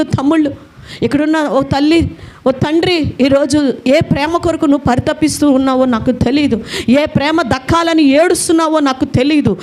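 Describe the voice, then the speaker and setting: A woman's voice: high voice, darkish tone. A woman preaching a sermon in Telugu-accented speech, fervent and speaking straight to her listeners, repeating words for force. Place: prayer hall.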